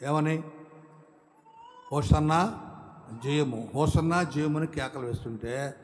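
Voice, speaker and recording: A man with a high voice preaches with force as a pastor, throwing out rhetorical questions. He swings from loud exclamations to low, quiet lines. His words ring with the long reverb of a large hall. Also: slow pace, slight background noise. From India. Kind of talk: sermon.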